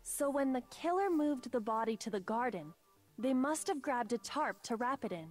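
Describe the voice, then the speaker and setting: An actress voicing a calm, coolly reasoning character in a video game. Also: female voice, a little high, moderate pace. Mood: composed. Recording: game audio with music behind. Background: game music.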